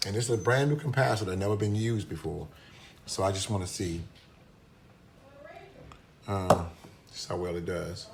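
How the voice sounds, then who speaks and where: Low-voiced man filmed on a phone. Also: fairly even intonation, normal speed, gravelly, pauses often, heavy background noise. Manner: hesitant, many restarts and fillers. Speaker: product reviewer demonstrating a meter. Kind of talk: casual hands-on demonstration. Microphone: phone camera recording.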